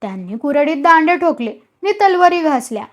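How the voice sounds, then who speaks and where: Female storyteller, high pitch, dramatic expressive story reading. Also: a little fast. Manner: dramatic, vivid narration.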